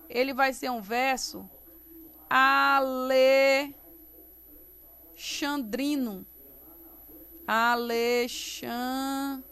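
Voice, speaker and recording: A Brazilian Portuguese-speaking woman teaching an online class, explaining step by step and sounding out syllables slowly. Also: high-pitched, a bit bright, smooth. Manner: slow, explains step by step, syllabifies words aloud. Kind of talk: recorded online class lesson. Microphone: computer mic while writing with mouse.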